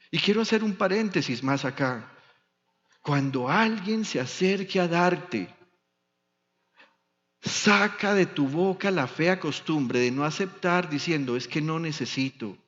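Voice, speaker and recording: A man's voice: on the high side, fairly bright tone. Colombian preacher man, storytelling sermon, muffled sound. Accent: Colombian, Medellín. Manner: storytelling, slow and emphatic. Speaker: pastor. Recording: dull sound with long hall reverb.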